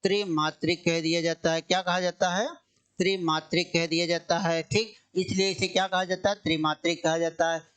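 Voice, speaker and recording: Male coaching teacher, high clear voice, drills points with self-answered questions and slow repetition. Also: flat delivery, a bit bright. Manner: asks the class questions and answers them himself; repeats key phrases, drawing words out slowly. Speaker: Hindi teacher. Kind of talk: exam-coaching grammar lesson.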